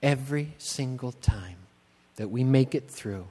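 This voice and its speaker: A middle-aged man, a pastor, preaching a sermon in a church, slow and emphatic, building on repeated rhetorical questions. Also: mid-range voice, mellow. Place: church sanctuary. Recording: long church-hall reverb.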